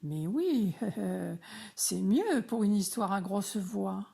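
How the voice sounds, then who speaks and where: A woman voicing a gentle, slightly timid father frog in a storybook reading, soft and reassuring. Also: mid-range voice, sing-song, slow, gravelly, breathy edge, heavily acted.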